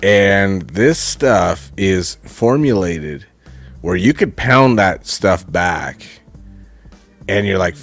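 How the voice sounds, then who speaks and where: A man's voice: lowish voice, fairly bright tone. A Canadian man co-hosting a casual live stream, talking in a loose, laid-back way and swearing freely. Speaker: co-host.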